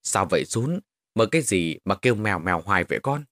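A man voicing a worried father who gently scolds and coaxes his son awake in a spoken story. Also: sits low, lively intonation, fast talker, dry recording, clean studio sound. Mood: concerned.

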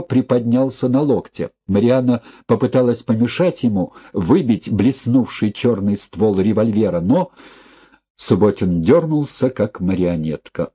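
A man reading a thriller novel aloud as an audiobook narrator in a steady, even storytelling manner. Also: on the low side, husky. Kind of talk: scripted narration.

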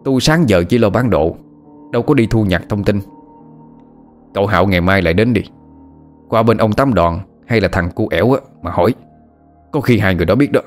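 A man's voice: on the low side, lively intonation, fairly quick, pauses often, soft background music, lightly acted. Man doing a whiny, scared old shopkeeper. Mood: evasive. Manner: whiny, pleading, slippery. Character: frightened, evasive old male shopkeeper-informant.

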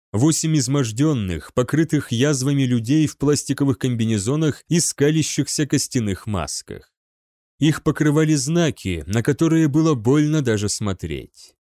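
Man reading an audiobook, mellow tone, dry close sound, steady pace. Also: mid-range voice, dry recording. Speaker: audiobook narrator. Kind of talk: scripted narration.

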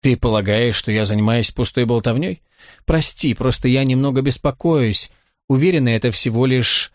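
A male narrator lends his voice to a warm, talkative young mother in a storybook reading. She chats on with a gently worried tone, pitched a touch above the reader's own voice. The recording is dry and close. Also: normal speed, dry recording, natural voice. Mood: chatty. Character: kind warm mother, woman in her thirties.

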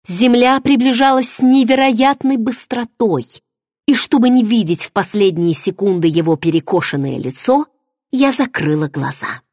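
Expressive woman narrating an audiobook. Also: on the high side, no echo, studio quality. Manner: expressive, dramatic storytelling. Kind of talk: first-person audiobook narration.

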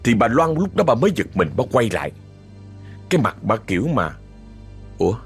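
Southern vietnamese guy spinning a ghost tale, husky voice, pitch jumps all over, soft music under it. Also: very animated, brisk. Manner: chatty, addresses listeners directly. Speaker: ghost story narrator. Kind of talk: told horror story.

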